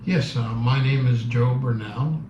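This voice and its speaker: A man's voice: mid-range voice, measured pace. A man in his seventies from Cuba, a native Spanish speaker, answering interview questions thoughtfully and searching for his words. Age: 70s. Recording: roomy, distant, dull, noisy.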